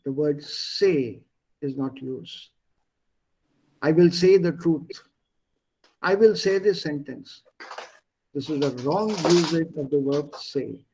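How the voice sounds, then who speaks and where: His voice is on the high side, mellow, with a breathy edge, captured in a low-quality recording. He is an Indian-accented man whose first language is Gujarati, patiently teaching German online in English via video call and slowing down to emphasize important words.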